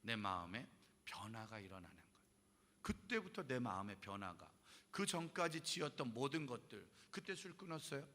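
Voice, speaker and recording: A man's voice: medium pitch, sing-song, normal speed, pushed and bright. A man in his forties preaching a youth revival sermon as a pastor, telling stories with humor and acting out the voices he quotes. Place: church hall at a youth event. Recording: reverberant church hall.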